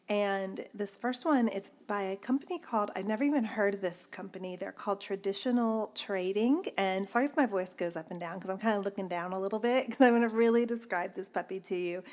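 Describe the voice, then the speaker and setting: A woman's voice: mid-range voice, a little mellow. A woman hosting a podcast in a chatty, casual way, laughing often and using many fillers. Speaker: podcast host. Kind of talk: casual chat.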